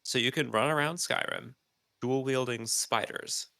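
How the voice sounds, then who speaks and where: A man's voice: mid-range voice, unhurried, creaky, pushed and bright, no echo. A man co-hosting a podcast, explaining at length in casual chat with many ums, his nose stuffy. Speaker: podcast co-host.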